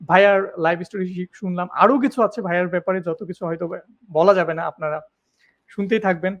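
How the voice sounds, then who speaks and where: A man hosting a casual interview, talking in a hesitant way with many fillers. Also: sits high. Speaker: podcast host. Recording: dull lo-fi sound.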